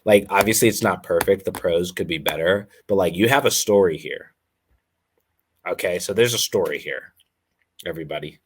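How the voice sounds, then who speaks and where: A man's voice: low-pitched, moderate pace, husky. A man coaching writers, reading a submitted story aloud and critiquing it in a casual, chatty way. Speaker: writing coach.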